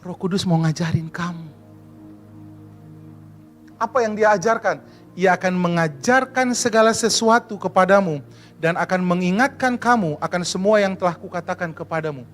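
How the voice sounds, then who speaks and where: A man, a pastor giving a lively sermon in church and asking the congregation questions. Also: high-pitched, normal speed, faint music behind. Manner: lively preaching, asks the congregation questions, mixes in English.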